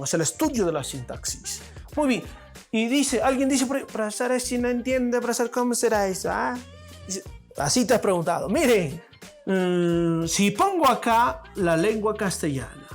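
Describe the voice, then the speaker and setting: A man teaching a lesson, asking questions and answering them himself. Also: high voice. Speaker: language teacher. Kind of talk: classroom lesson on linguistics.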